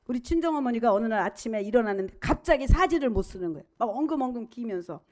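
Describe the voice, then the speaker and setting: Middle-aged female pastor, high voice, emphatic preaching, quizzes the pews. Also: a little mellow. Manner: emphatic and conversational, asks the congregation questions. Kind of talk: sermon.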